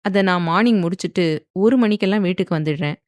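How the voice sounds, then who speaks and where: A woman voicing a forceful, possessive young husband who speaks in a stern, commanding way in a storybook. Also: fairly low pitch, fast talker, dry recording, studio quality, natural voice. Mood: caring.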